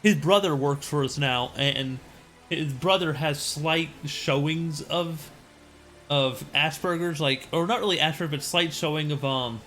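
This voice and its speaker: Rambling man streamer, slightly high voice. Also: a little slow, a bit bright, a little hiss or hum. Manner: rambling, many restarts. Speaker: game streamer. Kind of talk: casual chat while gaming.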